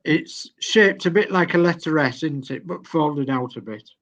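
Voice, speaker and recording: With a voice on the high side and a bit bright, an older man with a Yorkshire accent reads model-building instructions aloud on a video call. He goes slowly and patiently, step by step, though the audio quality is poor.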